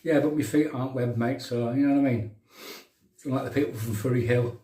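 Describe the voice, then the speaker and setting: Middle-aged male livestream host, County Durham accent, soft mellow tone, matey banter, recorded in a roomy bathroom away from the mic. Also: mid-range voice, steady tone, a little fast. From County Durham, England. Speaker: livestream host of a shaving show. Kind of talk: casual live chat with viewers while demonstrating shaving. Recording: roomy bathroom echo, distant microphone.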